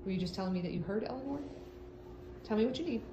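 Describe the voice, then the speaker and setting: A woman speaks patiently and coaxingly to her dog, repeating her questions in a calm, mid-pitched voice. The sound is roomy and a little dull, with clear background noise in the home recording. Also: fast talker. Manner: patient, coaxing, asks the same question again and again. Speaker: dog owner. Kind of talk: casual talk to a pet.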